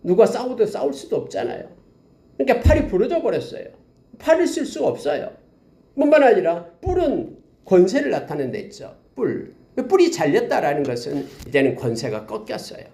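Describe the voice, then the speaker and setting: A male pastor teaches scripture in a lively, emphatic sermon, his pitch swinging widely as he reads and explains each verse. His somewhat high voice has a gravelly edge. The sound rings with the echo of a church hall. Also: brisk. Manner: lively, emphatic preaching that rises for scripture readings. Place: church sanctuary.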